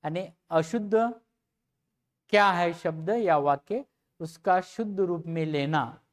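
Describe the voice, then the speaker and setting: A teacher gives a recorded lecture to students, explaining slowly and repeating example words one at a time. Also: medium pitch.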